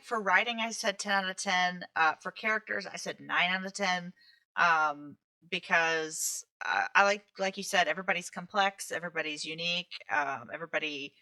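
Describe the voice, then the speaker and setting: A woman's voice: fairly low pitch, pushed and bright. A woman co-hosting a book podcast, chatting casually with many ums and restarts. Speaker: podcast co-host. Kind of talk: casual book review chat.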